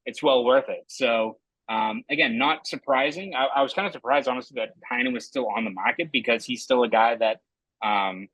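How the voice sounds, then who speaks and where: A young man with a Boston accent talks through his points on a casual sports podcast. His voice is bright and forward. The dry, close recording has no room sound, and he keeps tossing in "right?" as he goes. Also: medium pitch, a little fast, dry recording, low-quality recording. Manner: talkative, builds points with asides and "right?". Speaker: podcast co-host.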